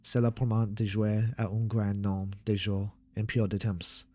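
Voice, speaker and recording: A man's voice: lowish voice, level tone, moderate pace, mellow, natural voice. A man voicing an uneasy male go-between who translates in French, reasoning and placating, in a horror story.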